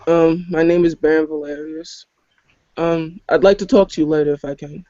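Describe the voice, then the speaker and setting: A man playing a tabletop role-play game, speaking haltingly with frequent ums. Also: on the high side, steady tone, dark tone, no echo. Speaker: player. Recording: dry, dull lo-fi recording.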